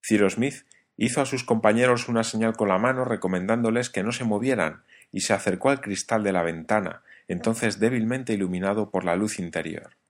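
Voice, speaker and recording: A man narrating a novel as an audiobook, in a measured storytelling reading. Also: lowish voice.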